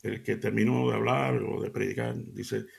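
Gravelly middle-aged man telling radio stories. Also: moderate pace. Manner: addresses listeners warmly as family; animated storytelling, pitch jumps up for emphasis. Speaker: radio show host. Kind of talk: radio devotional storytelling.

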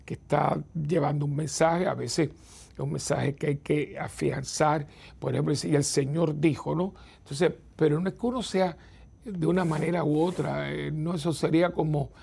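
Man, priest hosting a program, gravelly, dark and mellow tone, reflective conversational chat. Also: on the high side, fairly even intonation. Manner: unhurried and reflective, repeats words and adds tag questions. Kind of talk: conversational talk to viewers.

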